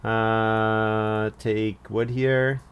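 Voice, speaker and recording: A man plays a board game and muses out loud about each turn, chuckling at his moves and gently mocking himself. The voice is lowish and clean, with little pitch movement, and he talks extremely slowly.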